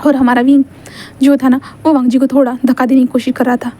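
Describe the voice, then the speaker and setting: A woman's voice: sits high, flat delivery, fast, mellow. A woman casually narrating a fan-fiction story, voicing all the characters herself in one chatty tone, with stumbles and fillers.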